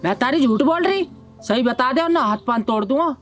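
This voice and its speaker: A man's voice: very high-pitched, expressive, a little fast, fairly bright tone, faint music behind. A man with a Haryanvi accent playing a hot-tempered young village husband who threatens his own mother. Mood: angry. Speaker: husband and son in a village drama. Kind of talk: Haryanvi film acting.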